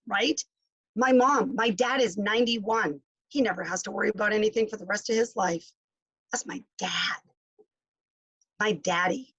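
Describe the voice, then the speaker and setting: A woman's voice: mid-range voice, husky, dry recording, lo-fi sound. A middle-aged woman giving an emphatic motivational talk over a video call, repeating her key phrases. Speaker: guest speaker.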